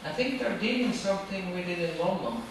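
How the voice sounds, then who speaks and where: A middle-aged woman from Norway answers questions from a podium, thinking aloud with fillers and restarts. Her voice comes from well back in a big, booming auditorium. A steady hiss of room noise sits underneath. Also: recorded from a distance. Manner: thoughtful, halting with fillers and restarts. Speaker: workshop speaker. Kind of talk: answering questions after an academic talk. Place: large wood-paneled auditorium, on a stage at a podium. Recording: echoey hall picked up from afar, with background noise.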